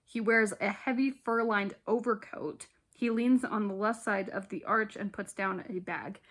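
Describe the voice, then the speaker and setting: A woman's voice: medium pitch, fairly even intonation, a little slow, a bit bright. A young woman vlogging casually from her bedroom, chatty and giggly as she thinks aloud. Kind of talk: casual chat.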